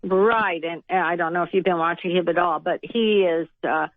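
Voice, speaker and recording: A woman with a slightly low voice chats casually as a radio caller, offering her opinions. The sound is a dull, dry phone line. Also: normal speed, no room sound. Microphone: telephone call.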